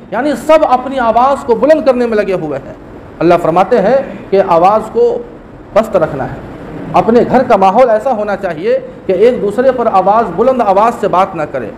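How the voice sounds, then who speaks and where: A man preaching a Friday sermon, emphatic, repeating key phrases and reciting Arabic verses quickly. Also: high-pitched, darkish tone, slight background noise. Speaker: mufti preacher.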